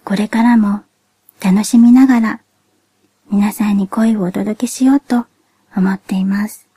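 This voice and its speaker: A woman podcast host speaking a soft, whispered monologue in a cute, childlike anime-like voice, gently and politely. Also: mid-range voice, fairly even intonation, slightly rough, no room sound. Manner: gentle, polite, measured delivery.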